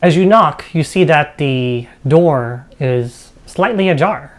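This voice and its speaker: A man running a tabletop game as dungeon master, narrating with halting pauses. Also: on the high side, animated. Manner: halting, fixing game settings mid-scene.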